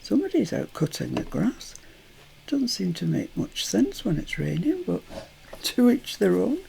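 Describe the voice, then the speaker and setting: A British woman in her later years talks slowly and unhurriedly through a paper-craft tutorial, her voice heavy with gravelly fry. She drifts into chatty asides as she works, with a faint hiss of room noise behind her. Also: mid-range voice, sing-song, warm tone. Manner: chatty, rambling asides while working.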